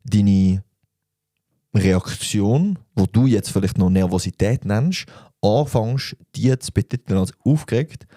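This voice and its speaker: Low warm Swiss German man, quick banter. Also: animated, no echo, clean studio sound. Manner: quick, joking asides. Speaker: podcast co-host. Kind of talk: casual chat.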